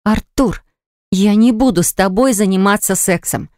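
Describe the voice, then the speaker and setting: A woman voicing a frightened young woman who talks in a shrill, pleading way, pitched well above her own voice. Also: normal speed, darkish tone, dry recording, clean studio sound, natural voice. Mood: alarmed.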